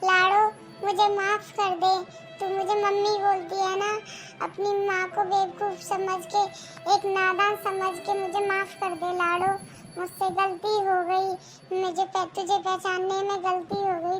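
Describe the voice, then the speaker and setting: A performer voicing a harsh scolding mother-in-law in a homemade cartoon, shrill and rapid when angry. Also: flat delivery, soft background music. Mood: pleading. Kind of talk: cartoon voice acting.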